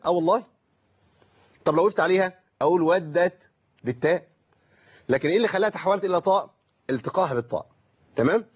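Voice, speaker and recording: A man with an Egyptian accent, teaching Quran recitation on a call-in lesson and explaining through rhetorical questions and slowly drawn-out examples. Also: fairly high pitch, breathy edge, lo-fi sound.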